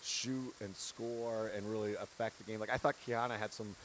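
He's a man in his thirties coaching basketball, speaking at normal speed in a lowish voice with fairly even intonation. Courtside in an empty arena, he gives an earnest, candid post-game interview on a handheld mic and laughs between points, captured in a rough recording with a little hiss or hum.

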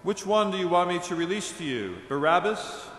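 A man's voice: high voice, animated, fairly quick, a bit bright, a little hiss or hum, pitched above the performer's own voice. A puzzled Roman governor presses his prisoner, voiced by a man reading solemnly. The questions lift slightly but stay restrained. A long church reverb fills the space. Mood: questioning.

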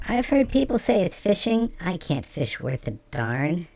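A game streamer talking through a voice changer that shifts the pitch, chatting casually with viewers while playing. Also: big pitch swings, measured pace, a little mellow. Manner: chatty, talks to chat between game actions. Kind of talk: casual let's-play chat with viewers.

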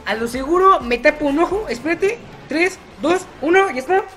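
A man's voice: very high-pitched, animated, moderate pace, over music. A man commenting on his own gameplay, chatty and teasing his opponents by name. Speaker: gaming YouTuber.

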